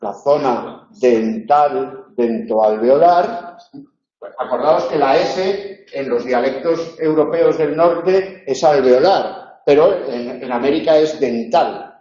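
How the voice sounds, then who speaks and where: A man speaks slowly in a warm, medium-pitched voice with a northern Spain Spanish accent. As a university tutor, he explains phonetics, demonstrates sounds and regularly checks in with listeners, recorded in a roomy, dull, lo-fi lecture setting.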